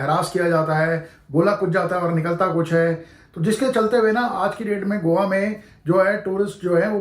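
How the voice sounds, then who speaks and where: A man, talking casually to his viewers as a travel vlogger, often calling them "yaar" and "bhai" and slipping into English phrases. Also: sits high. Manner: chatty, peppers speech with "yaar" and "bhai", mixes in English phrases. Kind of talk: casual explanatory vlog. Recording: echoey room.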